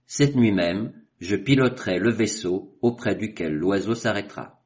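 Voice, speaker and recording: A man's voice: lowish voice, normal speed, natural voice. A man doing Bit-Boy, a bold ship captain. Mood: commanding. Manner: loud, emphatic declarations.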